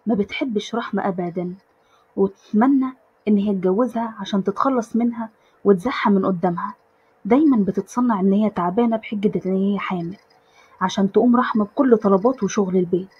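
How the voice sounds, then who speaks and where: Fast-talking Egyptian woman narrator. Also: medium pitch, slightly rough, dull audio. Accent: Egyptian Arabic. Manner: lively, addresses viewers. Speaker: storyteller. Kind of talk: narrating an animated story.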